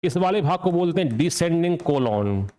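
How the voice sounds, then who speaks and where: A man with a slightly high, warm and animated voice runs an exam coaching lecture at a normal pace. He fires off questions, answers them on his own, and keeps repeating the main points to drill them in.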